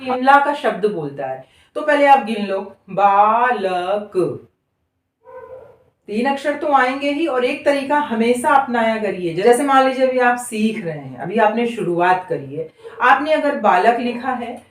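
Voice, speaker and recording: A woman's voice: a little high, expressive, normal speed. A woman teaching beginners to read Hindi, sounding words out syllable by syllable and drawing them out. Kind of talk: slow spoken lesson. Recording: echoey room, voice from a distance.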